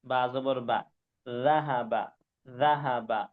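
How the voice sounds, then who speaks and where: A man teaching Quran reading in an online class, patiently spelling out syllables slowly and repeating each word. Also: medium pitch, steady tone, narrow, tinny audio. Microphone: online class call mic.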